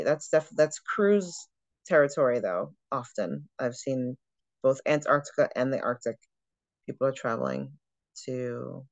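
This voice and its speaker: Chatty woman giving a software walkthrough. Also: very deep voice, no echo, highs cut off. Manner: chatty, thinking aloud with restarts. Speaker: travel agent trainer. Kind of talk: screen-share software walkthrough.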